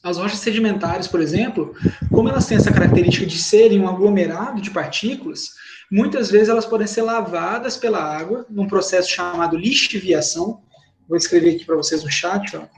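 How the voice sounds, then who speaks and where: This is a fairly quick, high male voice with a Brazilian Portuguese accent, belonging to a man leading an online class from home. He speaks informally and checks in with students via a computer mic on a video call, and the sound is echoey with noisy call audio.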